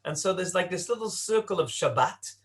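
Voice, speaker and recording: A man raised in Britain teaching a Torah class to young adults in a conversational way, asking rhetorical questions and slowing down to stress points. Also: high voice, lively intonation. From Britain (born in Leicester, raised in Cardiff).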